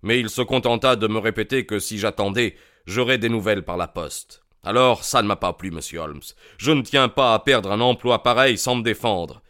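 A man's voice: on the low side, moderate pace, few pauses, a bit bright, lightly acted. A man voicing a bewildered, aggrieved middle-aged client in an audiobook, earnest and plain. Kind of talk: audiobook character voice.

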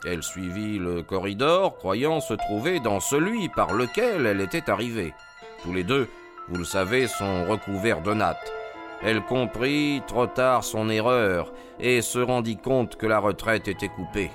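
A man narrating an audiobook in a measured, dramatic way. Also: fairly low pitch, expressive, over music.

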